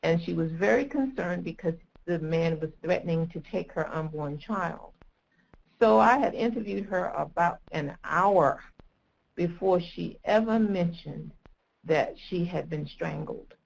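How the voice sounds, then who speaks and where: A woman family law attorney speaking in a training webinar, measured and hesitant, with many ums. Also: lowish voice, creaky, poor audio.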